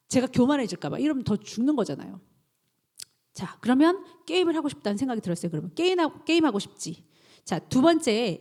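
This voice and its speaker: A woman pastor preaching a sermon, animated and acting out inner self-talk in quoted voices. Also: high voice.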